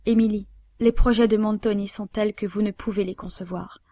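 A woman's voice: mid-range voice, steady tone, brisk, warm tone, no echo, natural voice. A woman voicing a desperate nobleman in love, urgent and imploring, in a read-aloud story. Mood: vehement.

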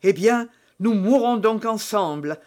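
A man's voice: high voice, lively intonation, normal speed. A man voicing a lovestruck young officer, speaking with passion and insistence in an audiobook reading. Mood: ardent.

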